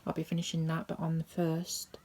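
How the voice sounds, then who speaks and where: Woman vlogging, rambly and repeats herself, half-whispers, flat husky voice. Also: low voice, fairly quick. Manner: rambling, repeats "he says" often; drifts into soft half-whispers. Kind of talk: casual personal storytelling.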